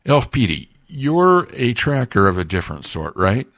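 A man's voice: medium pitch, very animated, normal speed, a bit bright, no echo, clean studio sound. A man voicing a male elf radio news host who speaks with a formal newscaster delivery. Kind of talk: comedic audio podcast hosting.

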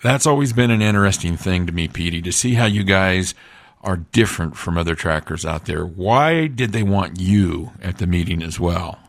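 A man's voice: sits low, lively intonation, normal speed, no echo, studio quality. A man voicing a male elf radio news host who speaks with a formal newscaster delivery. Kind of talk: comedic audio podcast hosting.

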